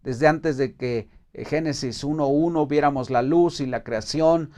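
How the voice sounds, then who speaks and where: A man's voice: a little high, measured pace, mellow. A man with a Mexican Spanish accent teaching a Bible study in a casual, hesitant way, with many fillers and restarts, reading verses aloud.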